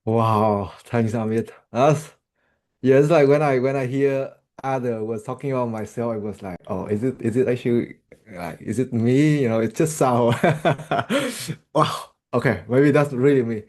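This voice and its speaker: A man's voice: medium pitch, a little slow, a little mellow. A man in his thirties from Vietnam with a Vietnamese accent, answering questions as a podcast guest and stopping often to restart his sentences. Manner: hesitant, many restarts and fillers. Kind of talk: casual interview chat.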